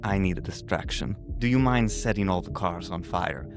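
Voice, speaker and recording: A man's voice: sits low, lively intonation, normal speed, gravelly, over music. A man voicing a Russian-accented mother spy. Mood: cold urgent. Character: secretive middle-aged mother, former sleeper agent.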